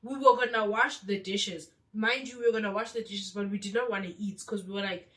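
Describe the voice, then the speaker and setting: A woman's voice: medium pitch, steady tone, brisk, fairly bright tone, distant mic. A woman with a South African accent telling a casual storytime vlog, chatty and mixing in local slang. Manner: chatty, mixes local slang into her speech. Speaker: vlogger.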